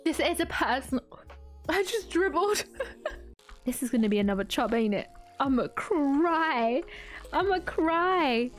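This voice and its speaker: A young woman streaming a video game, chatting casually and breaking into frequent giggles and squeals. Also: on the high side. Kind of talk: casual gameplay commentary.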